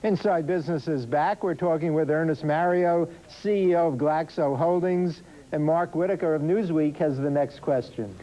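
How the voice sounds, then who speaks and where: A man with a fairly high, mellow voice moderates a TV interview show. The sound is slightly dull, like older broadcast audio. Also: moderate pace, few pauses.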